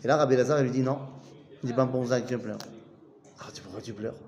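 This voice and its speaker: A man's voice: mid-range voice, fast talker, a little mellow, long reverb tail. A man giving a casual study lesson, reading old texts aloud and retelling them in chatty, joking speech. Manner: reads Aramaic, then retells it in chatty, joking French. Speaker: teacher.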